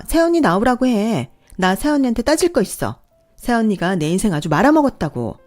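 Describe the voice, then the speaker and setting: A woman voicing a furious, desperate younger woman who shrilly yells and demands in a storybook reading. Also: on the high side, pitched above the performer's own voice.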